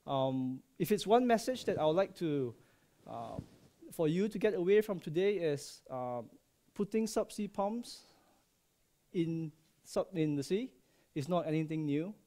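A man in his thirties from Malaysia, a subsea processing engineer, presents at a conference in a large lecture hall using a headset mic, keeping it friendly with light jokes and frequent ums and uhs. He speaks a little slowly in a fairly high, warm voice with lively intonation.

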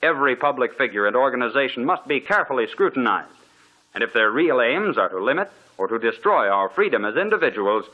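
A man's voice: mid-range voice, animated, fast talker. A man reading a formal, earnest 1940s radio advertisement, heard as an old radio broadcast. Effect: old radio broadcast sound. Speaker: radio announcer. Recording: muffled old radio recording.

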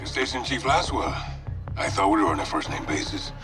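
A self-assured colonel in an action game. The voice is deep, with measured, wry delivery. Music is clearly heard underneath. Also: male voice, very animated. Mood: wry, serious. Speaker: army colonel. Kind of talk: military game briefing dialogue.

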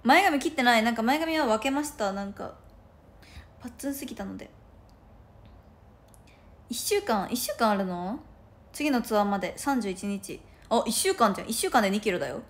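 A woman's voice: on the high side, expressive, moderate pace, long pauses. A young woman chatting casually on a livestream from her room, rambling and giggling with many fillers. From Japan. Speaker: idol livestreamer. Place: room at home with no curtains.

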